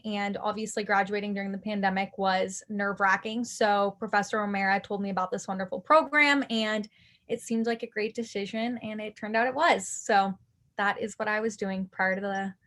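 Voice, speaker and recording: A woman's voice: mid-range voice, steady tone, normal speed, a bit bright. Young woman from los angeles, grad student, friendly intro, video call. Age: young adult. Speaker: graduate student panelist. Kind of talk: casual self-introduction.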